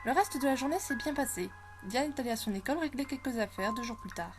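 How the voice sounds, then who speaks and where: A young woman reading game dialogue aloud in a steady way, with game music behind. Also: a little high, fast. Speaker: game player reading all the parts.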